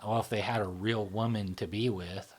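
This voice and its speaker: This man's voice is fairly low, with a breathy edge and fairly even intonation, at a moderate pace. As a podcast host, he rambles through casual explanations, leaning on fillers and tag questions.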